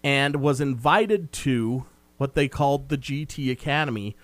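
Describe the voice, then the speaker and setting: A man's voice: mid-range voice, a little slow, no room sound. A man co-hosting a casual film review chat, recapping the plot in a meandering, talkative way. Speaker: movie review co-host.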